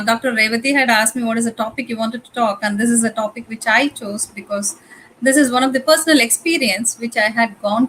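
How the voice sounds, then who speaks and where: A woman's voice: fairly high pitch, a bit bright, slight background noise, rough recording. A woman from Tamil Nadu with a Tamil-influenced Indian English accent, giving a conversational guest lecture with frequent fillers and repeated phrases. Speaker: guest speaker. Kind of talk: lecture talk.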